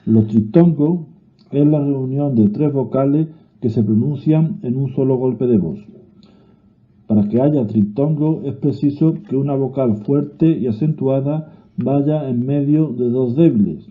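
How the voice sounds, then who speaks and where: In phone-like, thin audio, a man speaking at a middle pitch reads a grammar lesson aloud. He's a teacher with a Spanish accent who goes slowly and carefully, sometimes restarting a word.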